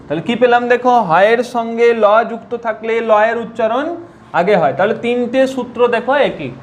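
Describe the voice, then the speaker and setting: A man with a very high voice, speaking fairly quickly, runs through a spelling and pronunciation lesson. He is repetitive, restating each point and asking questions only to answer them himself.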